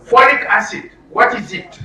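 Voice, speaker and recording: Quizzing his audience and repeating phrases to drive points home, a man with a Nigerian accent runs an orientation workshop for media workers. His very high voice is pushed and bright at a moderate pace, and the distant mic picks up room echo and faint noise.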